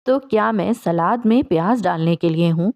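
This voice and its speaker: A woman's voice: lowish voice, natural voice. A woman reading a teasing young fiancé. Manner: gentle joking banter.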